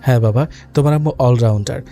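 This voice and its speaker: A man plays a young father in an audio storybook, talking softly and lovingly to his little boy while his own worry sits underneath. The voice is mellow and warm, pitched in a middle range, with faint music beneath it. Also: fast talker, natural voice. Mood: tender. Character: worried young father, gentle with his son.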